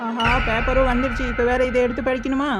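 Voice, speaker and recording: A fretful, easily scared young boy doll, voiced by a woman, talks in a high voice. He frets and worries aloud through a toy doll story. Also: little pitch movement, fast, music in the background, lightly acted. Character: nervous young male doll, easily frightened.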